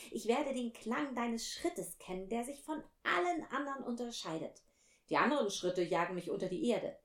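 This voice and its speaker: A woman voicing a wise, gentle male fox who longs for a friend, reading slowly and wistfully in a storybook. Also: mid-range voice, voice pushed up. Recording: roomy echo.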